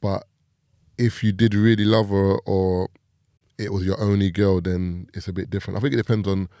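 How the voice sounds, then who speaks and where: Low gravelly man. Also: moderate pace, no room sound, clean studio sound. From England. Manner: relaxed, says "do you know what I'm saying". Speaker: podcast guest. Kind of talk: casual chat.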